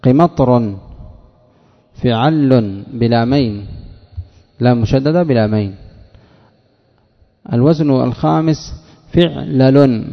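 A man's voice: mid-range voice, creaky. Male teacher quizzing a class, echoey. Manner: quizzes students by name, spells out word patterns deliberately. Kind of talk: grammar lesson with questions to students. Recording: echoey room, dull lo-fi sound.

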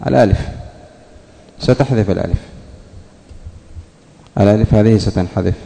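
A man teaches a grammar lesson to a class, mellow and dark in tone, going over each rule again and pressing his students with questions. His voice rings out with a long reverb, as in a large hall. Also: fairly low pitch, moderate pace, creaky. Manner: repeats key points and questions the students.

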